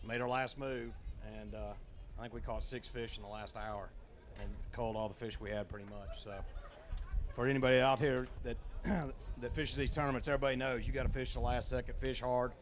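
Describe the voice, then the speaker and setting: A man's voice: mid-range voice, brisk, a little hiss or hum. A man, a tournament angler, casually telling the crowd about his fishing day and thanking sponsors. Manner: relaxed storytelling. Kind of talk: casual onstage remarks.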